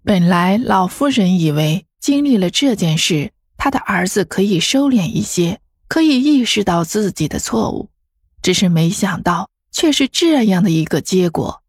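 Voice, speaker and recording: A woman narrating a fan audio drama in an even storytelling manner. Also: mid-range voice, normal speed, breathy edge, dry recording, studio quality. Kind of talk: scripted narration.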